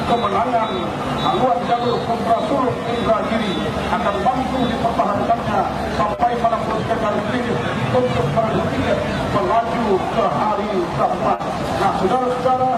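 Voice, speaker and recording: A man gives live race commentary as an announcer, reciting long names in formulaic, repeated phrases. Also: sits high. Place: outdoor riverside race event. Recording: distant echoing PA, loud outdoor crowd noise.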